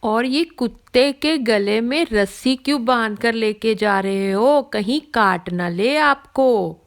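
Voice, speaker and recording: A woman voicing a sly male swindler in an audio story, teasing in a slow, drawn-out way. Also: fairly high pitch. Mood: mocking.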